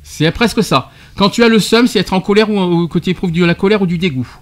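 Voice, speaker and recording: Un animateur de radio qui interroge son invité en expliquant de l'argot, avec entrain et des rires. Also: male voice, high-pitched, fast talker. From France. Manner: quizzing, explaining slang terms with laughs. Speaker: radio show host. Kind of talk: radio debate segment.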